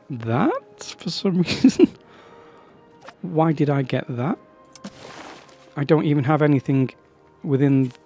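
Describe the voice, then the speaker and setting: A man talks his way through a strategy game in a mid-pitched, easygoing voice. He rambles, restarts sentences and wanders into chatty asides. Faint game music plays behind him. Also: warm tone. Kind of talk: casual gameplay commentary.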